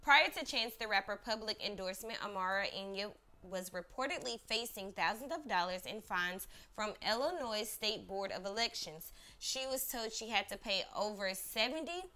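A woman's voice: mid-range voice, pushed and bright. A woman hosting a casual entertainment news roundup, chatty and upbeat, talking straight to her viewers. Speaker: host.

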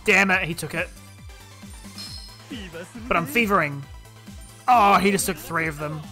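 A man's voice: high voice, measured pace, sharp tone. Brash, swearing man over game music. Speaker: gaming video host. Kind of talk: profane let's-play commentary. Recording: game music playing behind voice. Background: video game music and sounds.

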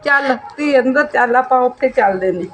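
A woman's voice: high voice, moderate pace, a bit bright, slight background noise. An actress playing a worried mother consoling her troubled daughter. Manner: consoling, mournful. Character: worried caring mother, soft-spoken. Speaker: mother character.

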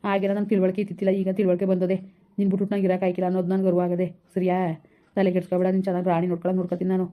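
A woman playing a gentle young village husband who keeps coaxing his pregnant wife. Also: on the low side, completely flat delivery, rapid-fire, phone-quality sound, natural voice. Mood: soothing. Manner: soothing, repetitive coaxing. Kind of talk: village skit acting.

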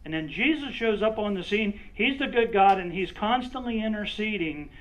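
High-voiced conversational preacher. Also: male voice, expressive, normal speed, fairly bright tone. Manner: conversational, engaging the listeners by name, with frequent "right?" checks. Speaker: pastor. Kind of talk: sermon with acted-out role-play. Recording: dull lo-fi recording.

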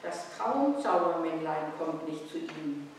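Reader doing a tired mom, gentle and coaxing, slow, big echoey hall. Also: mid-range voice, expressive, vocal fry, distant mic, a little hiss or hum. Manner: soft, coaxing. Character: tired, loving young mother.

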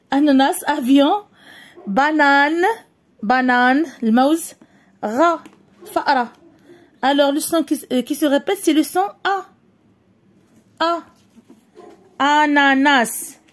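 High-voiced Moroccan woman teaching slowly. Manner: slow, deliberate word-by-word reading, switching to quick explanations. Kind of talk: primary school French lesson.

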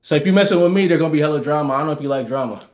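A man's voice: a little high, very fast, darkish tone. A man in his twenties from Jamaica, laid-back and slangy, chatting and flirting on a video date over a headset. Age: 20s. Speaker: dating contestant. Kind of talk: casual flirty chat. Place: home room.

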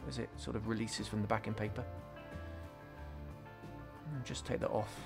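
Over music, a scale modelling channel host with a fairly low, creaky voice and flat delivery narrates a relaxed hobby tutorial at a moderate pace. He goes through each step casually, with many ums and restarts.

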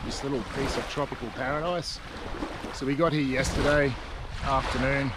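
A man in his forties with an Australian accent, chatting casually through a camping and sailing vlog, relaxed, with plenty of ums. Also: mid-range voice, moderate pace. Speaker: vlogger. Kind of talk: casual outdoor vlog narration. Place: outdoors on a windy tropical beach. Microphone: action camera held at arm's length. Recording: wind noise from outdoors. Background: wind and lapping water.

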